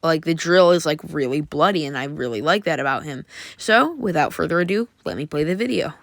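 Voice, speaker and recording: A woman's voice: low voice, lively intonation, a little fast. A woman casually reviewing Halloween props, chatty and enthusiastic with lots of fillers. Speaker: prop reviewer.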